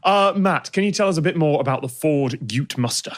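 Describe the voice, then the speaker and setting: A man's voice: a little high, expressive, fairly quick. Male comedy quiz host, light and lilting, chuckles a lot. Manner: breezy, laughs often. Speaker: game show host. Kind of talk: comedy panel game.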